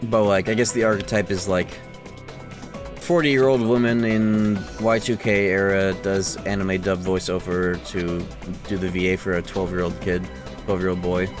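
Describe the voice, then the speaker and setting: A man's voice: sits low, little pitch movement, moderate pace, soft background music. A man streaming a video game, chatting casually and rambling into rants with plenty of swearing. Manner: rambling, ranty, swears freely. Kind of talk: casual livestream chat.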